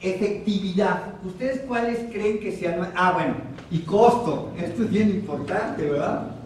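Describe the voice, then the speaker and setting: A man with a Mexican Spanish accent giving a psychoeducation lecture as a psychiatrist, questioning the audience and repeating key terms slowly. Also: high-pitched, slight background noise. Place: hospital lecture room. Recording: very echoey room from far off.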